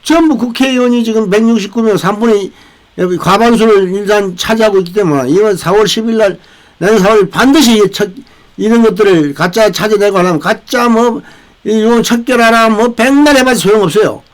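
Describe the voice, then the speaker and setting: Older man ranting in high pitch. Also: fairly quick, poor audio. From South Korea. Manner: rambling, repeats points, many restarts and "eh?" tag questions. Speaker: veterans' channel host. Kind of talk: political commentary monologue.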